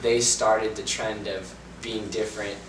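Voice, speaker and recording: A man's voice: fairly low pitch, little pitch movement, a little slow. Laid-back young man in an echoey studio. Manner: laid-back, joking, slips into playful put-on accents. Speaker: musician being interviewed. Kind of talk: casual interview chat. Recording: echoey room, mic at a distance, background noise.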